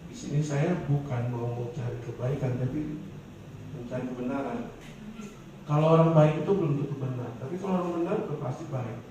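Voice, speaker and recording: Man from Bandung, testimony interviewee, halting and repetitive; roomy distant sound, faint hiss. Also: mid-range voice, muffled recording. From Indonesia, Bandung. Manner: hesitant, repeats words, many fillers. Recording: roomy echo from far off with faint noise.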